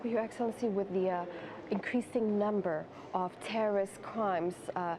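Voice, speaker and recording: A woman's voice: medium pitch, steady tone, moderate pace, crowd noise. A woman interviewer putting formal, deferential questions. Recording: clear background noise on location.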